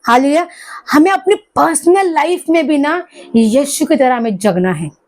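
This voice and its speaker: A middle-aged woman preaches a sermon in a church hall, speaking a little slowly in an expressive voice that sits high. She repeats hallelujah many times and engages the congregation with questions in call-and-response fashion.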